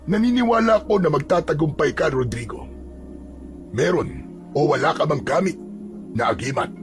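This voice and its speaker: A man voicing a calm older village man who speaks steadily and comfortingly in a horror story. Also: on the high side, moderate pace, pitched above the performer's own voice, natural voice. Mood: reassuring. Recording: music playing behind.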